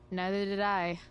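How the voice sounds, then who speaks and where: Slow-paced, sarcastic Chloe Price. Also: female voice, medium pitch, slight background noise. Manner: dry, hesitant, slangy. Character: sarcastic rebellious teenage girl, blunt and slangy. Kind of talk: naturalistic video game voice acting.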